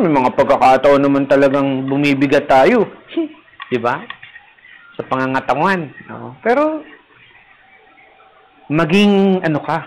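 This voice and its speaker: Male parish priest, casual livestream host; light, somewhat high voice; playful and teasing. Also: low-quality recording. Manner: playful, teasing, laughs at own jokes. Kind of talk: casual livestream chat reading viewer comments. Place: rooftop garden, third floor.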